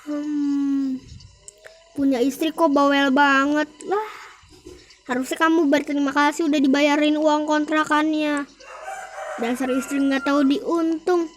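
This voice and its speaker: A man's voice: extremely high pitch, level tone, unhurried, long pauses, a little hiss or hum. Young man doing a rude gambling husband. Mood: grumbling. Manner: brusque and grumbling.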